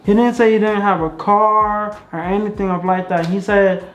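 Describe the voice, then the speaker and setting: A vlogger hosting a casual storytime vlog, slowly rambling and repeating points. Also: mid-range voice, steady tone, fairly bright tone, soft background music. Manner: slow, rambling, repeats itself. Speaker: vlogger host. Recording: echoey, dull lo-fi room sound.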